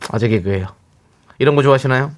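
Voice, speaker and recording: A man's voice: mid-range voice, fast, very noisy. A man co-hosting a radio show, talking casually in a playful, teasing way. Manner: playful, teasing, mock-shouting. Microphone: studio microphone.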